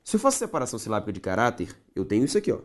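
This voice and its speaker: Lively Brazilian male grammar teacher. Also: mid-range voice. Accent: Brazilian Portuguese. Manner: animated, stretches key words slowly for emphasis; addresses viewers directly, checks understanding often. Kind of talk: online grammar lesson.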